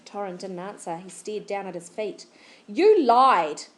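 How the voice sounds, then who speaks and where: A woman reading a children's novel aloud in a steady, clear storybook narration. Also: medium pitch, moderate pace, roomy sound. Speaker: audiobook reader.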